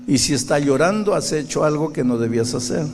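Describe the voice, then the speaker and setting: A man voicing the Holy Spirit as a soft, patient, mildly chiding inner voice in his sermon. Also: fairly high pitch, expressive, brisk, big-room sound, background noise.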